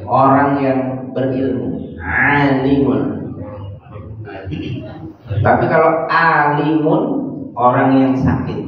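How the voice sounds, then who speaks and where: Slow-speaking man teaching in an echoey hall. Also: medium pitch, fairly even intonation. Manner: slow, explaining, repeats Arabic terms and translates them. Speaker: Quran teacher. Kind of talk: religious lesson on Arabic words. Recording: echoey hall, far from the mic, dull.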